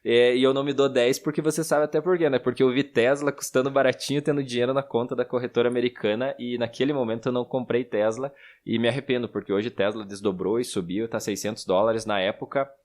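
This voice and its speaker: A man's voice: mid-range voice, fairly even intonation, quick pace, few pauses, darkish tone. A man in his thirties with a Brazilian Portuguese accent, co-hosting an investing podcast in a reflective, self-critical way. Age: 30s. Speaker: podcast co-host. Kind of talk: casual investing podcast chat.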